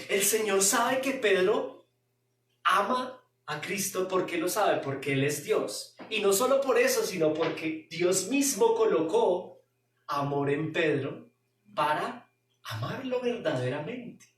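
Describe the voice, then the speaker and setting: High-voiced preacher in an echoey church. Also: male voice, takes it slowly. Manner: expressive, rhetorical questions. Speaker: pastor. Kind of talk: sermon. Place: church sanctuary. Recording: roomy hall, distant mic.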